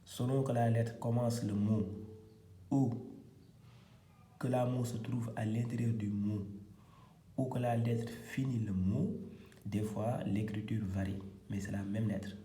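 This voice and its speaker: A man teaching the Arabic alphabet at a board, pausing often, correcting himself and dropping to a near-whisper as he writes. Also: fairly low pitch, fairly even intonation, echoey room, slight background noise. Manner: halting, self-correcting, repeats words; soft, drops to near-whisper while writing. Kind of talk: hesitant whiteboard lesson.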